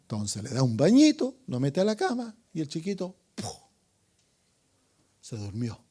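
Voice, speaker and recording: A man preaching an evangelistic sermon as pastor, dramatic and swinging from loud calls to hushed asides, asking the congregation questions and calling for amens. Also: on the high side, huge pitch swings, unhurried.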